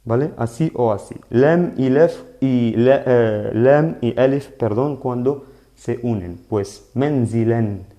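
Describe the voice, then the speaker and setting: A man teaching a live online lesson in Spanish, explaining slowly and patiently and often checking that his students follow. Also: medium pitch, mellow. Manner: slow, patient explaining with frequent "¿vale?" checks. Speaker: Arabic teacher.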